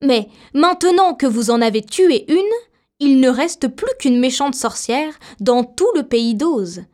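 A woman doing a gentle little old witch. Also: high voice, unhurried. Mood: calm. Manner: calm, gently reassuring.

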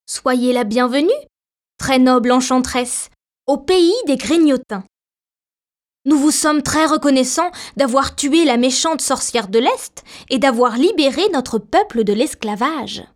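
A woman voicing a kindly little old good witch who speaks calmly and gently. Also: sits high, a little slow. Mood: gentle. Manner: calm, gently reassuring.

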